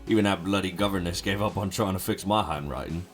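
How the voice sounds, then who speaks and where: Brief: man voicing a blunt, gruff young tough, low and slangy, in a game story read-aloud. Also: quick pace, faint music behind, natural voice. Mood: dismissive. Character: brash, rude young man with rough slang.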